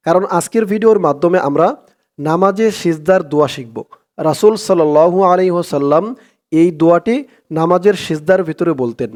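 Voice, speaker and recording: A man with a high, light voice teaching a prayer word by word. He speaks his explanations plainly, then chants each phrase slowly and stretches it out for listeners to repeat. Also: a little mellow. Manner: slow, drawn-out chanted recitation between spoken explanations. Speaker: Arabic teacher.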